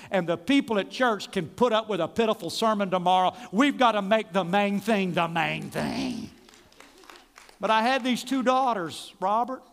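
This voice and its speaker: A pastor preaching a sermon, telling a story with swings from loud bursts to hushed low lines. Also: male voice, big-room sound.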